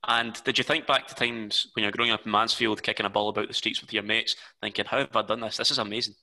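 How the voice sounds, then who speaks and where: Very bright-voiced male interviewer. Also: fairly low pitch, fairly even intonation, quick pace, rough recording. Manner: lengthy, detailed setup questions. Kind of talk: interview questions.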